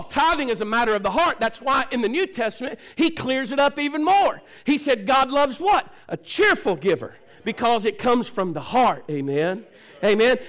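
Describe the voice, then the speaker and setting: High-voiced fervent preacher man. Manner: fervent preaching, calls out to the congregation; swings between shouting and hushed low talk. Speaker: pastor. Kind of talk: sermon. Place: church service.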